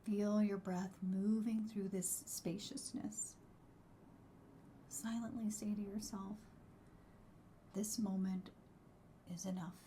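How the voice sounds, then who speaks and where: Soft, hushed woman guiding a meditation, mellow. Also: mid-range voice, level tone, a little hiss or hum. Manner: soft, hushed, breathy delivery, soothing and unhurried, at times near whisper. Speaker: host, wellbeing coach and meditation guide. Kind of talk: guided meditation.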